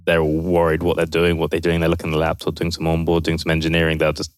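A man's voice: rumbling low, completely flat delivery, fast, dry recording, studio quality. A man chatting casually as a podcast guest, speaking plainly. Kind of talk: casual chat.

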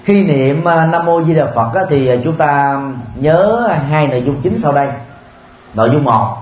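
A man giving a Buddhist dharma talk, speaking in a measured way with frequent pauses and filler sounds. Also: a little high, lively intonation, darkish tone. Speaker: Buddhist teacher. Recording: roomy with faint ambient noise.

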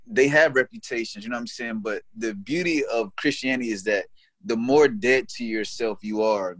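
A man's voice: fairly low pitch, no room sound. A young man talking casually about his faith and his college years, often adding "you know what I'm saying". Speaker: guest.

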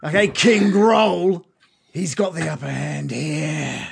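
A man's voice: on the high side, expressive, slow pace, gravelly, slightly rough, exaggerated voice. A man voicing an aged, hulking bugbear who taunts and threatens as a gloating hostage-taker in a tabletop game. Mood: smug, threatening.

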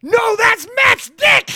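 A man hosting a podcast with rowdy comic banter and hype introductions. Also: extremely high pitch. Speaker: podcast host who does the introductions.

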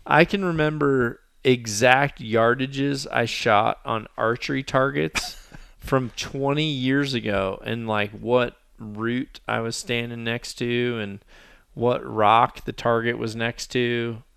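Gravelly man in casual chat. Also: medium pitch, fairly even intonation, takes it slowly, a bit bright, dry recording, clean studio sound. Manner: rambling, self-deprecating, many fillers.

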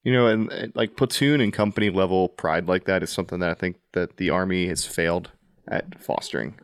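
A man's voice: low voice, brisk, smooth, dry recording, studio quality. A man hosting a podcast, talking earnestly and reflectively about his army service in a casual interview. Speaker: podcast host, Army veteran.

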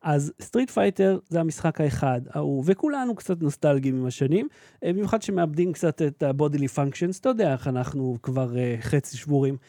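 A man in his thirties with an Israeli accent, co-hosting a podcast in casual, animated chat. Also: on the high side, dry recording, studio quality. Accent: Israeli Hebrew. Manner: animated, ranting. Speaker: podcast co-host.

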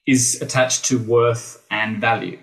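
A man's voice: medium pitch, steady tone, measured pace, a bit bright, rough recording. Thoughtful Australian man, voice teacher. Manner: thoughtful, full of restarts, acts out quoted teachers. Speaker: actor and voice teacher, guest. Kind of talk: podcast interview.

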